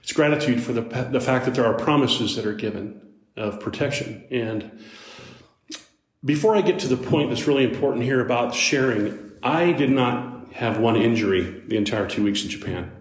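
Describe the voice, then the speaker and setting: A man giving a live storytelling talk to young people, conversational and animated, with sudden jumps up in pitch and loudness. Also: normal speed. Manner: conversational, with asides to the audience. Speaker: motivational speaker. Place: large hall with a live audience. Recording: roomy live hall sound.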